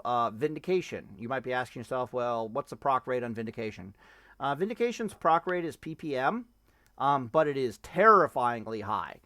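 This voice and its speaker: A gaming streamer, male, with a medium-pitched, slightly bright voice and no room sound. He rambles casually through his game commentary, swearing and cutting himself off as he tests things.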